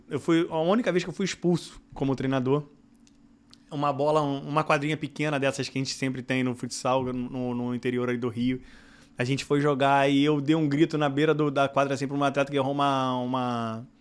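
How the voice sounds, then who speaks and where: A middle-aged Brazilian man, a football director guest, telling anecdotes in casual podcast chat, his voice climbing when he gets excited. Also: medium pitch, clean tone.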